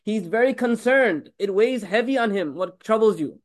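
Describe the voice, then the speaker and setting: A man's voice: high voice, animated. A man giving a religious talk as a teacher, preaching emphatically with frequent rhetorical questions to the audience and repeated blessings. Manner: rapid, emphatic preaching with blessings on the Prophet woven in.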